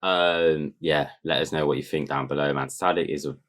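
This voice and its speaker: Very deep-voiced laid-back man. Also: steady tone, normal speed, a bit bright. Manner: laid-back slang-heavy banter. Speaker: podcast co-host. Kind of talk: casual chat.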